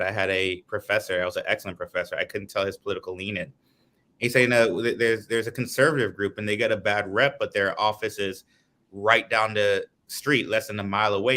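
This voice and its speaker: A man's voice: on the low side, steady tone, fast, pushed and bright. A man from Guyana, a political candidate, giving earnest, lengthy answers in an interview over a video call.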